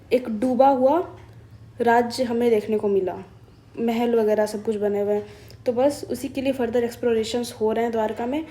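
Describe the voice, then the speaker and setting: Mellow, higher-voiced woman explaining news. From India. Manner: chatty and explanatory, mixing in English phrases; thinks aloud with hesitations and self-corrections. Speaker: current-affairs teacher. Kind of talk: explaining a newspaper for exam students.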